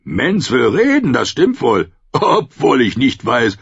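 A man playing a booming, laughing wildling chief. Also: wildly swooping pitch, slow, vocal fry, breathy edge, no echo, exaggerated voice. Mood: roaring jovial. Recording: muffled lo-fi recording.

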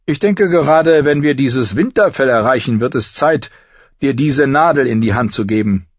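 A man voicing a proud, wise old male fencing master with a measured, instructive cadence. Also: medium pitch, animated, slightly rough, no room sound, voice pushed up. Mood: warm. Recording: dull lo-fi recording.

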